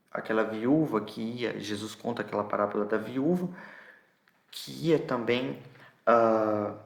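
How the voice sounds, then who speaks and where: A man's voice: mid-range voice, creaky, reverberant. A man with a Brazilian Portuguese accent preaching an expository sermon, explaining a scripture passage and often checking that listeners understand. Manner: explanatory, asks listeners "entendeu?".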